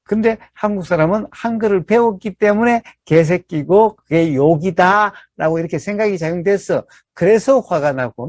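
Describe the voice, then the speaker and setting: A man's voice: sits high, darkish tone, no echo. A man giving a Buddhist dharma talk as a meditation teacher. He explains step by step, poses rhetorical questions and keeps checking in with his listeners.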